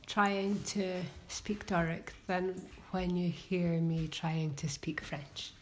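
A woman's voice: fairly low pitch, fairly even intonation, slow, a little hiss or hum, low-quality recording. A woman raised in Scotland and England, presenting a personal audio essay and interviewing. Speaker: researcher and podcast storyteller.

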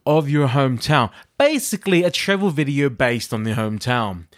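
A man from New Zealand co-hosting a casual chat, animated and joking, often repeating words as he thinks. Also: medium pitch, normal speed, no room sound, clean studio sound. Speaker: podcast co-host.

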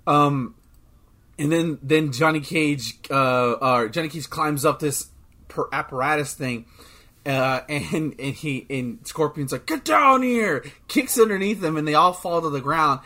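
Man, casual podcast chat, excitable, rambling, bright and forceful tone, slightly high voice. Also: a little slow. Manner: rambling, excitable, swears often. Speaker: podcast co-host.

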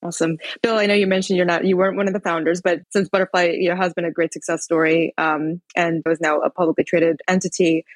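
A moderator asks conversational interview questions at a quick pace. The voice is recorded dry, without echo. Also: mid-range voice, level tone. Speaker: panel moderator.

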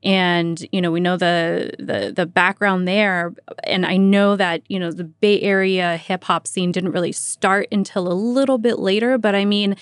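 An American woman with a lowish, clear, resonant voice hosts a relaxed, informal radio interview with a guest, captured in a close, dry recording. She chats at a normal pace with hardly any pauses, tucking fillers like "you know" into her questions.

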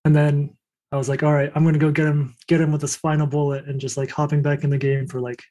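A man's voice: on the high side, level tone, fast, dark tone. A young adult man telling his story casually as a podcast guest. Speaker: podcast guest, poker coach.

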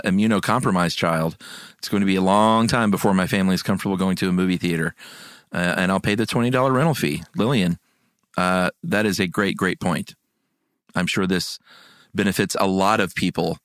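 Deep-voiced man hosting, close dry sound. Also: fairly bright tone, no room sound. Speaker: podcast host. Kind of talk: casual chat and reading listener comments.

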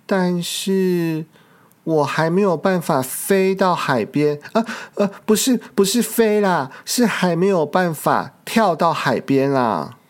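A storyteller voicing a small, kind young pterosaur in a picture-book story, high and sweet. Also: animated, takes it slowly. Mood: chatty.

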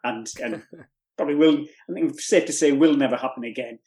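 Older man from North East England, regional TV presenter, casual rambling storyteller, mid-pitched. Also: fairly quick, a little mellow. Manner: rambling storyteller with many restarts. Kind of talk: casual podcast chat.

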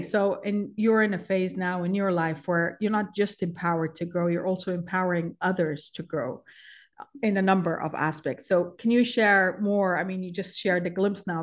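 Upbeat woman hosting a podcast. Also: lowish voice. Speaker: podcast host. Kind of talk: podcast interview.

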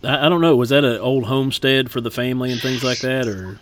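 A man's voice: medium pitch, quick pace, fairly bright tone, slight background noise. A middle-aged man with an Appalachian accent, chatting casually as a host in a folksy, joking way. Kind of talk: casual chat.

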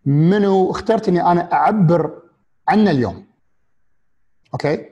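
A man with a Gulf Arabic accent giving a reflective motivational talk, asking one rhetorical question after another and pausing on fillers and restarts. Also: high voice, lively intonation, dark tone, dull audio. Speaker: speaker on happiness and mindfulness.

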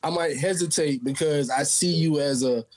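Emphatic American man, higher-pitched husky voice. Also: normal speed, a little mellow. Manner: slangy, emphatic. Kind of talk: casual political chat.

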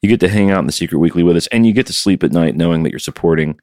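A deep-voiced man co-hosting a casual podcast from his home music studio, his voice very low and the sound dry and close. He talks loosely, cracking crude jokes and swearing as he chats. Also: very fast, a little mellow, dry recording. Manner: loose, joking and profane. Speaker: podcast co-host and touring musician.

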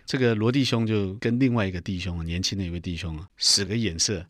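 A man's voice: low-pitched, quick pace, a bit bright, no echo, studio quality. A middle-aged man earnestly telling his personal testimony in an interview. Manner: earnest storytelling, acts out quoted voices. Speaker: guest giving testimony.

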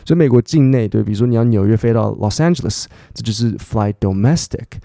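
Man, English teacher podcast, casual, spells words out, dark voice, dry close sound. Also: fairly low pitch, animated, vocal fry, no room sound. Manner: reads English sentences slowly, spells words letter by letter; casual, chatty with many fillers and asides. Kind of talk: bilingual English lesson, reading news and explaining words.

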